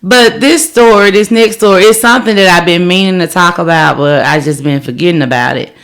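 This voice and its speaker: A woman's voice: lowish voice, a little fast. A middle-aged woman co-hosting a sports podcast, chatting casually and reading out news items with frequent "um"s. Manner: reads headlines with fillers like "um". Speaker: podcast co-host.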